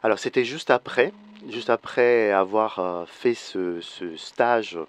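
A man from Florence in his forties, a native Italian speaker with an Italian accent, talks as a guest in a radio interview. His voice sits somewhat low. He speaks thoughtfully, often restarting as he searches for the right French word. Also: slow pace, slight background noise. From Italy, Florence. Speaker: guest choreographer and dancer.

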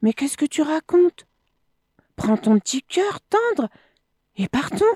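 A gullible male crocodile from a storybook, put on by a woman reading aloud, his voice pushed up high and bright with eagerness. He wheedles and coaxes, and the sound is dry and close. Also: very animated, slow, dry recording, heavily acted. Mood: pleading. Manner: wheedling and coaxing.

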